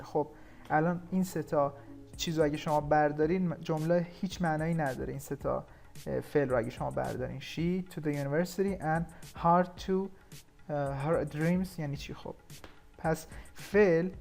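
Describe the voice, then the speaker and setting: A man from Iran teaching an English grammar lesson, explaining patiently and slowing down to read English example sentences. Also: fairly high pitch, a little mellow.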